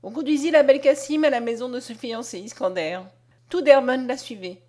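A woman reading a literary tale aloud with expressive, dramatic storytelling. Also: sits high, brisk. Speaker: audiobook reader. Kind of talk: literary narration read aloud.

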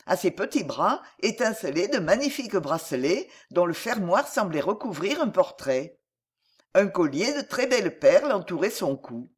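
A woman reading a classic children's storybook aloud in a measured, expressive storytelling manner. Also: fairly low pitch, breathy edge.

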